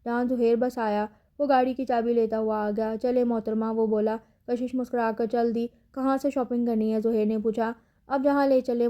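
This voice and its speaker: Brief: female audiobook narrator, Pakistani Urdu accent, fairly high voice, dark mellow tone, very even delivery. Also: muffled recording. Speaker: novel narrator.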